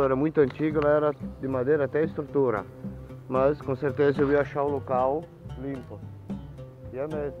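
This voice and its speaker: A middle-aged Brazilian man talking casually to viewers as he explores outdoors, making informal remarks while looking around. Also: medium pitch. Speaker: vlogger. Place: outdoors in overgrown woodland. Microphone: handheld camera at arm's length. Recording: dull lo-fi outdoor camera sound.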